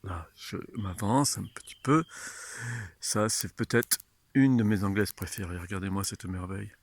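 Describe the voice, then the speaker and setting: A man giving a chatty, unhurried walking tour of his own rose garden outdoors, often restarting his sentences. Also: on the low side, steady tone. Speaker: home gardener showing his roses. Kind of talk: casual walking tour, vlog.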